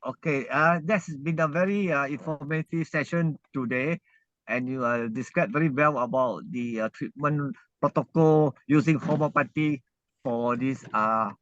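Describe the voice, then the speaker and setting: A man from Malaysia, speaking on a car speakerphone while driving. He gives halting thanks on an online call, with many uh's and restarts. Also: mid-range voice, a bit bright, dry recording. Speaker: webinar participant thanking the speaker. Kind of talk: casual spoken remarks on an online call. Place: inside a car. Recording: dull, muffled call audio from a car.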